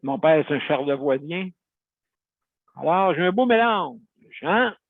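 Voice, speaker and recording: Host, male, gravelly and slightly high, rambling chatty delivery, dry tinny phone-like sound. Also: animated, measured pace, no room sound. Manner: rambling, chatty, self-correcting storyteller. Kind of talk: casual talk to listeners.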